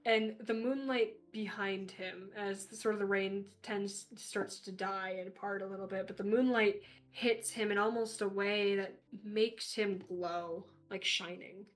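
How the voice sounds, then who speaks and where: A woman's voice: mid-range voice, fairly even intonation, unhurried, hardly any pauses, faint music behind. A woman playing a tabletop game who narrates her character's actions in a casual, slangy way. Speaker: player.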